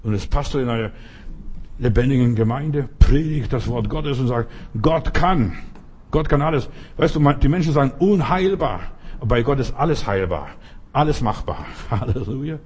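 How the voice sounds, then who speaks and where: A man preaches a sermon to his congregation, urging them on with an emphatic, exhorting delivery marked by sudden jumps in pitch. He speaks animatedly and fairly quickly in a husky, darkish voice.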